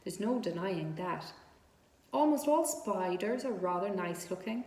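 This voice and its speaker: A woman's voice: medium pitch, animated, a little slow, darkish tone, roomy sound, recorded from a distance. A woman voicing a poised, frank, proud female spider in a storybook, thin and pleasant, precise and matter-of-fact. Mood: poised, friendly.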